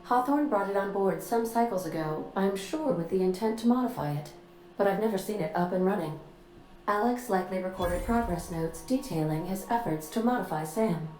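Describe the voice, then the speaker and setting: A woman voicing a calm, polite female ship computer in a video game, formal, precise and dryly witty. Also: medium pitch, fairly quick, a little hiss or hum, close to an everyday voice. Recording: roomy game audio.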